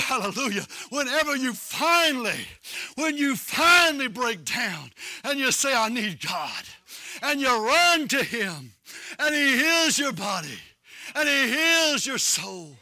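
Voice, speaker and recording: A man preaching a sermon, impassioned and shouting at the peaks in a sing-song preaching cadence. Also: very high-pitched, no room sound.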